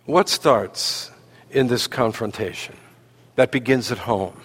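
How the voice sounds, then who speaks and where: A man preaching a sermon, slow and deliberate, with dramatic pauses. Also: medium pitch, fairly bright tone, slightly rough. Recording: long hall reverb.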